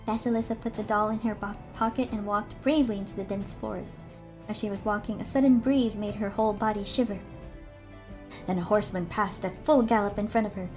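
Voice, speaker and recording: A woman streamer reading a fairy tale aloud gently, breaking off for chatty asides to her viewers. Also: mid-range voice, steady tone, brisk, soft background music. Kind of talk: storybook narration with casual chat.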